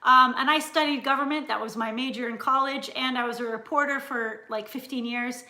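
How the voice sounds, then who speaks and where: Woman host, high bright voice, frank chatty live-stream talk, roomy echo. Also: steady tone, brisk. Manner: chatty, frank, laughs often. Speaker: cooking channel host. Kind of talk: casual live-stream chat.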